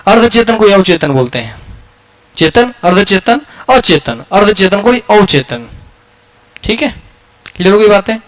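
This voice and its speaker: A man with a high voice teaches a class in a Chhattisgarh accent. He asks a question, waits, then repeats the answer for the students. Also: big pitch swings, normal speed, pauses often. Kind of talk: classroom lecture.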